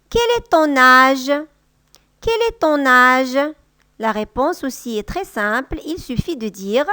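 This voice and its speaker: A woman teaching a language lesson. She speaks patiently and repeats each example sentence slowly and a little louder. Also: high-pitched, no echo. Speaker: French teacher. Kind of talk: slow, clear language lesson.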